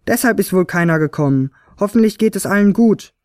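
A man voicing a blunt, grumpy little female talking flute in a storybook reading, snappy and gruff. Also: sits high, animated, a little fast, a little mellow, dry recording, clean studio sound, voice pushed up. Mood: worried. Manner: snappy and gruff, then worried.

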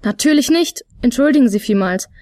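A woman's voice: fairly high pitch, expressive, brisk, warm tone, no echo, studio quality, close to an everyday voice. A woman voicing a polite, flustered young woman who apologizes in a storybook reading. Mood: apologetic.

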